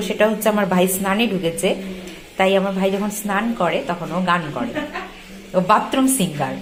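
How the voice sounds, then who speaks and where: A young woman vlogger with a West Bengali accent and a mid-range voice narrates a casual daily vlog. She chats with viewers in a familiar, friendly way, mixing in English words.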